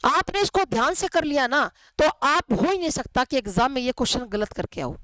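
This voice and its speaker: A woman's voice: sits high, expressive, a little fast, a bit bright, no echo, poor audio. A woman teacher giving a lecture in a chatty way, asking questions and answering them herself. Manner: conversational, asks and answers her own questions. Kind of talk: classroom lecture.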